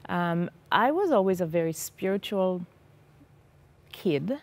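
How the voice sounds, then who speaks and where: An Israeli woman whose first language is Hebrew appears as a guest on a TV studio set, giving personal testimony in an interview through a lapel mic. Her voice is fairly low and darkish, animated yet slow, and she comes across as earnest and hesitant, with many ums.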